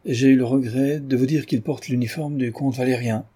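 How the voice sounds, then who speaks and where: A man reading an audiobook, voicing a grave older general who recounts events in a measured, solemn way. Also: mid-range voice, fairly even intonation, warm tone, breathy edge, pitched above the performer's own voice, close to an everyday voice.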